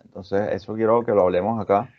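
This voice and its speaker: Low-voiced man hosting, muffled. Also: fast. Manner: relaxed, friendly questioning. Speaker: podcast host. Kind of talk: casual podcast chat. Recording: dull, muffled sound.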